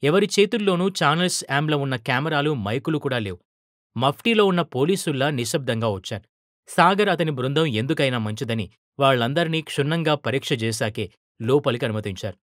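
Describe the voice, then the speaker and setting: A man narrating a story in a steady, expressive reading voice. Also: mid-range voice, a little fast, dry recording, clean studio sound. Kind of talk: scripted narration.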